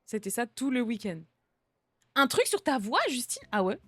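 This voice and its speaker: A woman's voice: fairly high pitch, big pitch swings, normal speed, breathy edge, dry recording. Chatty young woman streamer. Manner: chatty, slangy, answering chat with reassurance and jokes. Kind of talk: casual chat reading out viewer messages.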